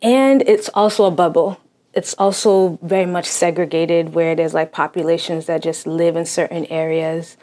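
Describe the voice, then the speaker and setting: Speaking at a moderate pace, this young Cambridge, Massachusetts woman has a fairly low, mellow voice with a steady tone. She grew up speaking Haitian Creole and, as an interview guest, reflects casually while using lots of fillers.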